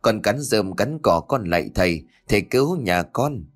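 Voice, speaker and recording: A man's voice: fairly low pitch, lively intonation, normal speed. A man voicing a desperate, tearful elderly woman's ghost who begs for help in a storybook reading. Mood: pleading. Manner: begging, tearful.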